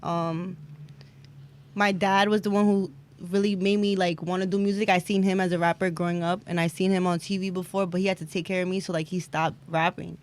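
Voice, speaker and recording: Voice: mid-range voice, little pitch movement, a little fast. Rambling young New voice. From Bronx, New York. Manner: rambling, filler-heavy, laughs easily. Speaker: guest music artist. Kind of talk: casual podcast chat.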